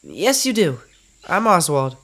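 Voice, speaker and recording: A woman's voice: fairly low pitch, big pitch swings, measured pace, fairly bright tone, exaggerated voice. A woman voicing an anxious but brave young boy in a comic dub, earnest and hesitant. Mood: friendly.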